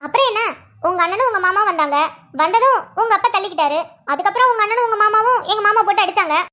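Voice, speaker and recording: A chatty cartoon elder sister with a very high, shrill voice. She rattles through events at top speed while soothing others. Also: lively intonation, sharp tone, full character voice. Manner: quick storytelling, soothing.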